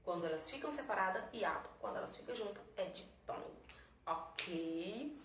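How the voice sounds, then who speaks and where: A woman's voice: medium pitch, animated, normal speed. Teacher lady, patient, keeps checking in, echoey room, mic kinda far. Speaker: Portuguese teacher. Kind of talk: recorded classroom lesson. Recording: echoey room, mic at a distance, faint background noise.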